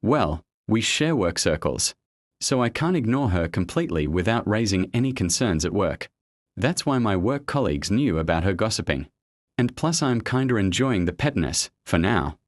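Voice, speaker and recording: Reading a first-person internet story aloud, a male narrator keeps a steady delivery and spells each abbreviation letter by letter. His voice is lowish at a moderate pace, in a dry recording.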